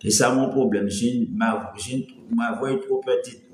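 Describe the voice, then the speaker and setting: A man's voice: medium pitch, normal speed. A man from the Antilles, chatting casually on a live stream, his light voice cracking when he pushes it, rambling and greeting viewers one by one. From French Antilles. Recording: roomy echo.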